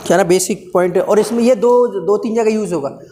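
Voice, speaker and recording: A man's voice: high-pitched, a little fast, warm tone. Man teaching physics in an echoey classroom. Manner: coaxing, teasing students, talking through steps aloud. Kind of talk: live classroom lecture. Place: classroom with students. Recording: reverberant classroom, faint background noise.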